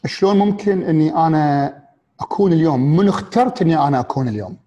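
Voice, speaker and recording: A man with a Gulf Arabic accent speaks to his audience in a reflective, motivational way, his voice sitting a little higher than most men's. He thinks aloud through rhetorical questions, stopping on fillers and restarting his phrases as he searches for the right words. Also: lively intonation, rapid-fire, mellow, lo-fi sound. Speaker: speaker on happiness and mindfulness.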